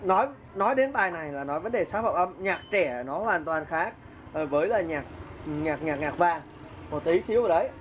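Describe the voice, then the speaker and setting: A man's voice: fairly high pitch, animated, brisk, a little hiss or hum. A man giving a casual keyboard lesson, chatty, counting beats aloud and humming melodies as he plays. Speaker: music teacher. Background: keyboard playing.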